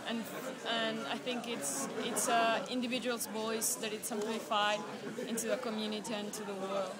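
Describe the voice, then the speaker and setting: A woman's voice: on the high side, flat delivery, moderate pace. A young woman from Peru, a student answering interview questions hesitantly, often restarting her sentences. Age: young adult. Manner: hesitant, searching for words with many restarts. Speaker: conference volunteer and student. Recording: loud crowd chatter behind.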